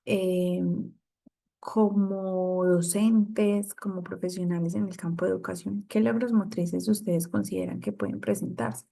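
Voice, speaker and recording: A woman's voice: fairly low pitch, fairly even intonation, unhurried, creaky, mellow. A woman instructor leading an online class over a video call, reading out and answering students' comments. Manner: reads out and answers participants' comments. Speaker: course instructor.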